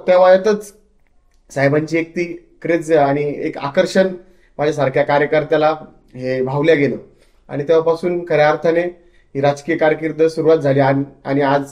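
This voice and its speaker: A young man from Maharashtra answers an interviewer's questions about his political work. He sounds earnest and loyal, his sentences sometimes stumbling and restarting. His voice is mellow and dark, and the room around him rings back. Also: a little high, level tone, moderate pace, reverberant. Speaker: political party worker, interview guest.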